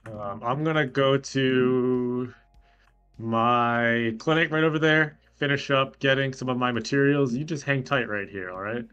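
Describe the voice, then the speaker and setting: A man improvising as a doctor in a game role-play, talking in a halting, conversational way. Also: medium pitch, fairly bright tone, clean tone, muffled recording, faint music behind. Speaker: player acting as a clone-making doctor.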